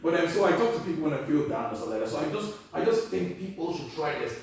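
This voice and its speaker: A man's voice: on the high side, animated, quick pace, a little mellow. A male comedian with an Irish-tinged accent, telling rambling stories in a casual podcast chat, restarting and swearing. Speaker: comedian guest. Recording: echoey room, mic at a distance.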